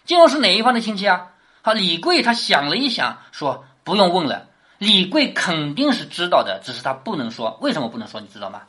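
A woman lecturing on a classic novel at a quick clip, her pitch leaping up and down. She keeps tossing rhetorical questions at her listeners. She speaks with the patient drive of a teacher. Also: sing-song, a bit bright. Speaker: literature teacher.

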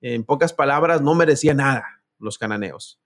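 A man's voice: medium pitch, moderate pace. A man preaching a sermon, telling a personal story, reading scripture aloud and speaking directly to his listeners.

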